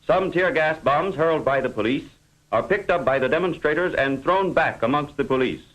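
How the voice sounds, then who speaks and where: A male narrator delivers a 1950s newsreel script with formal, measured phrasing. His voice sits a little high for a man. The sound is that of an old newsreel film soundtrack. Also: lively intonation, fairly bright tone, rough recording.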